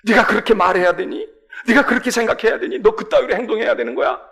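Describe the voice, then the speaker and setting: A man's voice: very high-pitched, fast talker, vocal fry, a bit bright, exaggerated voice. A man playing a middle-aged mother who scolds her son with nagging questions. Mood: reproachful. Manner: reproachful, nagging rhetorical questions.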